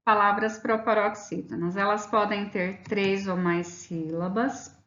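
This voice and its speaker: A woman teaching a grammar lesson, walking through slides patiently and stretching out example words slowly. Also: mid-range voice, fairly even intonation, a bit bright. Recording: roomy, dull lo-fi sound.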